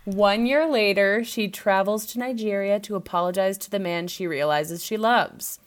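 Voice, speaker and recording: A woman podcast host with a medium-pitched voice recaps a film at a moderate pace in casual chat. She is giggly and animated as she tells the story, laughing often.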